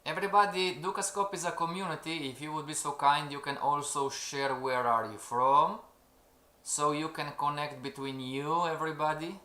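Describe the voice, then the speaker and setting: A man with a fairly high, bright voice speaks forcefully at a normal speed, keeping his intonation fairly even. He's a trading instructor running a live-streamed lesson, repeatedly calling out "everybody," asking "okay?" and reading chat messages aloud. The recording has a roomy echo.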